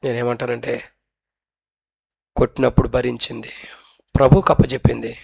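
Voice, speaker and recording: A man preaching a sermon, telling a story dramatically and acting out its people, swinging from loud cries to hushed tones. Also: medium pitch, little pitch movement, normal speed, gravelly, slightly rough. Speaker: pastor.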